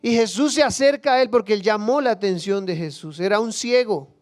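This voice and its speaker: Faint music plays beneath a male pastor's passionate sermon, delivered fairly quickly in a high, smooth, resonant voice. He acts out prayers and Bible figures, swinging from hushed asides to loud cries.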